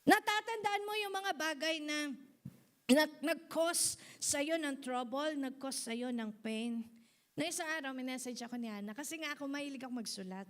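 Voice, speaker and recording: A woman pastor preaches in a high, bright-pitched voice. Her delivery is animated, and she slips in and out of English while calling on the congregation to answer her. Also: normal speed. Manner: mixes English into her sermon, animated, laughs often; asks the congregation for responses. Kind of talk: sermon.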